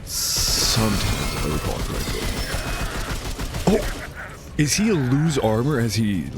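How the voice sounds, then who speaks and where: A man's voice: medium pitch, huge pitch swings, measured pace, loud music behind the voice. A man giving casual live video game commentary, rambling and geeky as he plays. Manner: rambling, easily sidetracked geeky enthusiasm.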